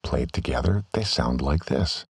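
A man giving a calm, step-by-step scripted voice-over for a software tutorial. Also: extremely low pitch, measured pace, over music. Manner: calm, step-by-step instructional delivery.

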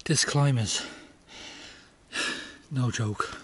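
Irish guy, middle-aged, vlogging a tough climb outdoors; winded, wry, unhurried, on a close action cam. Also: medium pitch, breathy edge. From Ireland. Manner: breathless, sighing, wry understatement. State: out of breath. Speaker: adventure vlogger. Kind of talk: casual vlog commentary while climbing. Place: outdoors on a steep, rainy mountainside. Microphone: action camera held close or clipped on.

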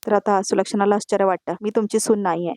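A woman races through a voice-over recap of a TV serial, tagging every quoted line as she goes and speaking straight to her viewers. Her voice sits at a middling pitch and is recorded close and dry, with no room sound around it. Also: fairly even intonation, fast, a little mellow, no room sound. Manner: retells scenes line by line, tagging each quote; addresses viewers directly with asides.

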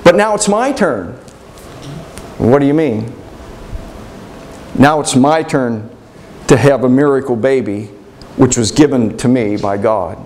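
Male actor as Joseph: earnest, halting, emotional monologue; light hiss. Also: mid-range voice, animated, darkish tone, close to an everyday voice, low-quality recording. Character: Joseph, troubled carpenter, earnest adult man. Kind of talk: dramatic monologue storytelling.

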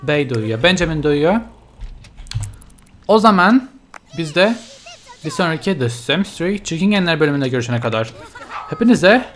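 Excitable young man commentating a game. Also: fairly quick, a little hiss or hum. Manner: excitable, frequent gasps and sudden pitch jumps. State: tired. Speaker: gaming YouTuber. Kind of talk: Let's Play commentary.

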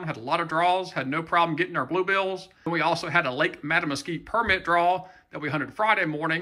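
A man with a hoarse voice, narrating a hunting trip from a boat outdoors in a plain, relaxed way. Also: a little high, dry recording. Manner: relaxed, plain-spoken storytelling. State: hoarse, lost voice. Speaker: hunting video host. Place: small boat on open water, outdoors.

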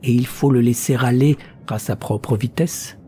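A man reading an audiobook, voicing a gruff, impatient middle-aged psychoanalyst who talks in a curt, irritable way. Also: medium pitch, unhurried, mellow, slight background noise, lightly acted.

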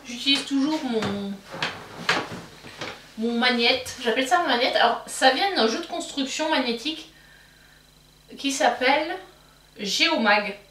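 Casting note: relaxed beauty vlogger, fairly high voice, a bit distant from the mic. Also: female voice, a little slow, pauses often, a little hiss or hum. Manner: chatty, self-mocking, with frequent fillers. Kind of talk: casual makeup haul show-and-tell. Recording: roomy, somewhat distant mic.

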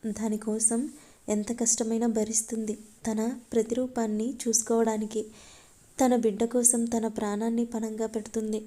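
A woman's voice: on the high side, flat delivery, moderate pace, dark tone, lightly acted. A woman voicing a playful, affectionate young wife in a read-aloud love story. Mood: earnest.

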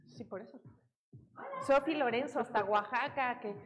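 Coinstructora mexicana, voz aguda, platicadora y bromista. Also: female voice, a little high, moderate pace. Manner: playful, greets viewers by name. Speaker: fitness instructor. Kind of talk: live online workout class.

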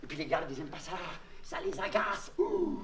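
A man's voice: a little high, wildly swooping pitch, normal speed, crowd noise. A man with a Québécois accent playing a naive, childlike vagabond clown who rambles and mangles words in a comic monologue. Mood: rambling, confiding. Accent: Québécois French. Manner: mangled words and puns, confiding to the listener. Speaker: comedian. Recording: echoey, distant, noisy old LP recording.

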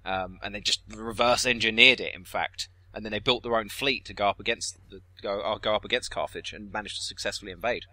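Bright-voiced Southern English man chatting. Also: on the low side, fairly even intonation, a little fast, few pauses, dry recording. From southeast England. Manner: chatty, self-correcting, trails off into asides. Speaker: podcast co-host. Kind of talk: casual podcast chat.

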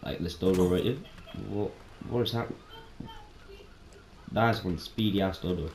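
A man giving casual, chatty let's-play commentary as a game streamer, excitable and prone to sudden startled yelps. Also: low-pitched, moderate pace. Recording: roomy echo, faint noise.

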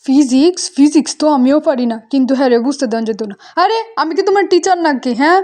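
A bossy cartoon kidnapper man, played by a woman with a high-pitched voice. He is blunt and threatening, quick to get exasperated. His accent is regional Bangladeshi Bengali. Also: warm tone, natural voice. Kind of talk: amateur cartoon dubbing.

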